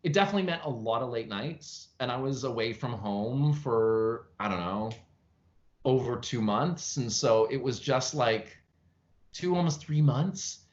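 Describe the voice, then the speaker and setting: A man, an actor, chatting animatedly in a casual interview, telling stories with lively jumps in his voice. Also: medium pitch, a little slow. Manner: frequent fillers and restarts, chatty. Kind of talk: casual interview over video call. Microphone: video call from home. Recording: lo-fi video call audio.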